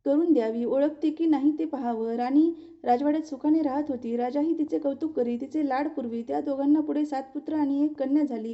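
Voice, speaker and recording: A woman storyteller narrating a devotional folk tale in a steady, rhythmic way. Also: high voice. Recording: dull lo-fi recording.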